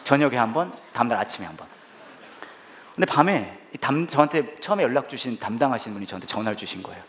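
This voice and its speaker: A man's voice: mid-range voice, fast talker, slight background noise. A man preaching as a pastor in a church hall, telling a humorous story and acting out the voices in it. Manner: animated, acts out voices in the story.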